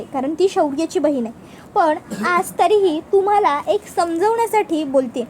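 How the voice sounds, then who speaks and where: A woman's voice: extremely high pitch, a little mellow, slight background noise. A woman voicing a stern young female lawyer who lectures her father-in-law firmly and insistently.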